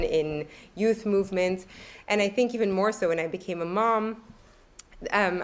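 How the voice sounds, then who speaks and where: A middle-aged woman from Italy, an author guest on a podcast, reflectively telling stories with frequent pauses and ums. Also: low voice. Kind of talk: podcast interview.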